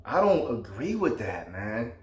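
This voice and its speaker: A man's voice: lowish voice, very animated, measured pace, reverberant. A man vlogging, giving his opinions in a casual, emphatic, rambling way with plenty of slang.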